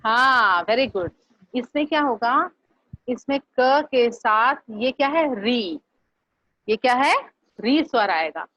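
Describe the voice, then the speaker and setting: A woman's voice: on the high side, expressive, a bit bright, no room sound. Patient woman teaching over a video call. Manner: patient, slow, questioning students. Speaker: Hindi teacher. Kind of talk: online class lesson. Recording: muffled online class audio.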